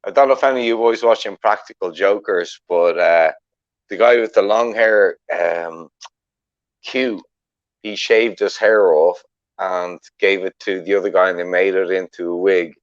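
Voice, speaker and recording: A man co-hosting a casual call-in chat, rambling with halting restarts. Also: low voice, fairly even intonation, no echo, dull audio. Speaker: podcast co-host.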